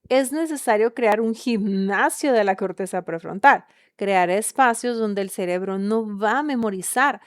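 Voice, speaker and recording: A woman hosting a podcast, reading a measured and persuasive script. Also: mid-range voice, smooth, no echo, studio quality. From Mexico. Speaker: podcast host. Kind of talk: scripted narration.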